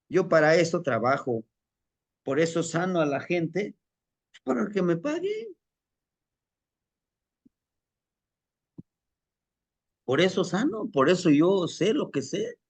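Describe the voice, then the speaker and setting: A man's voice: fairly high pitch, no room sound, pitched above the performer's own voice, exaggerated voice. A man voicing sly, scheming older male healers who coax a young man. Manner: coaxing, persuasive.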